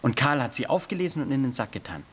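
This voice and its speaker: An actor playing a timid schoolboy in a German radio drama, who swings from boasting to frightened pleading. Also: male voice, medium pitch, big pitch swings, fast, breathy edge. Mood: boastful. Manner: eager boasting, then anxious pleading.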